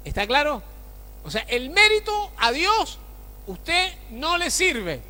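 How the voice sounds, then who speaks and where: A man's voice: very high voice, big pitch swings, slow pace, bright, forceful tone. A male pastor preaching a sermon, checking in with the congregation through rhetorical questions. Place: church. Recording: church hall with long reverb.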